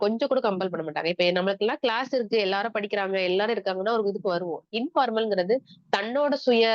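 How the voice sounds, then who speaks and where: A woman's voice: mid-range voice, dry recording. Dry-sounding woman teacher with a Tamil accent. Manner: explains step by step, asks the class questions and answers them; mixes English terms into Tamil speech. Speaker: exam coaching teacher. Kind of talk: online exam-prep lecture. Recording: dry, muffled lo-fi recording.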